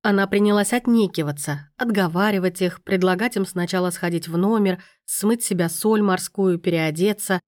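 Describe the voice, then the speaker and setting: A woman's voice: medium pitch, moderate pace, hardly any pauses, darkish tone, no echo, clean studio sound. A woman narrating a story aloud in a wry, sardonic manner. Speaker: audiobook narrator. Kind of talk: scripted narration.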